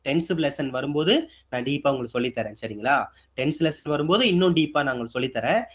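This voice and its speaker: This man has a mid-range, slightly bright voice and a quick pace. He's teaching grammar for an upcoming exam, repeatedly asking the class questions, answering them, and driving home the key points.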